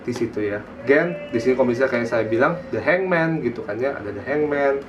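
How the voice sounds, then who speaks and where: A man's voice: medium pitch, lively intonation, a little fast, highs cut off, noisy background. A man with an Indonesian accent and a slight speech impediment on his r sounds, giving a casual, conversational tarot reading. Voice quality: slight lisp with soft, imperfect r sounds. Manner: conversational, repeats tag phrases. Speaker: tarot card reader and online host.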